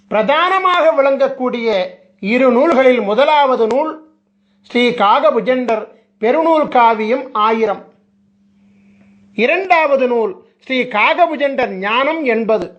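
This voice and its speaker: Slow, high-voiced man giving a solemn discourse. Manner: solemn, measured, rhetorical questions. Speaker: spiritual teacher. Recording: muffled lo-fi recording.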